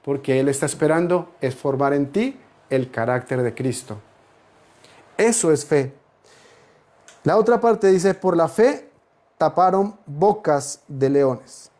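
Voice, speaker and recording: Preaching pastor, higher male voice. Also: darkish tone. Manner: preaching with rising emphatic peaks and repeated phrases. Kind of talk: sermon.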